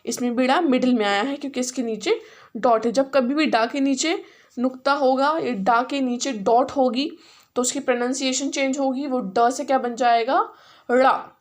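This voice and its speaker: Indian woman teacher, slow, patient pace, bilingual, spells words sound by sound. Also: sits high. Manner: slow, syllable-by-syllable spelling aloud; mixes English and Hindi. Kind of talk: Hindi phonics lesson.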